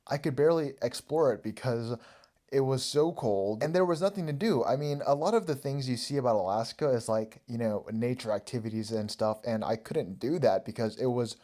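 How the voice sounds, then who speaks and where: A man's voice: mid-range voice, brisk, dark tone. A young man hosting a solo podcast, chatting casually in a rambling, self-mocking way. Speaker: podcast host.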